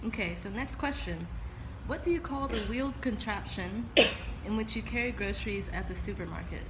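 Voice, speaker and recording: Casual young American female host, mid-pitched, recorded in a very noisy, reverberant space. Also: normal speed. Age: young adult. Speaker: host reading out challenge questions. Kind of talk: casual group chat. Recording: echoey room, loud ambient noise.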